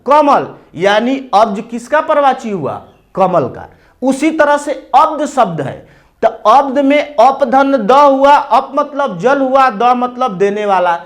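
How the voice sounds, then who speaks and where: A man with a very high voice and an eastern Uttar Pradesh accent teaches a classroom Hindi grammar lesson. He talks slowly, explaining step by step. He often asks a question and then answers it himself. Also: animated.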